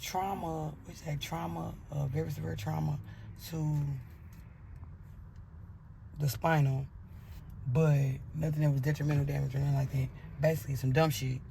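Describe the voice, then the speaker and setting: Gravelly, profane woman telling her story. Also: deep voice, level tone, normal speed, long pauses, warm tone, a little hiss or hum. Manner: blunt and profane, re-enacting angry outbursts. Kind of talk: candid personal storytelling.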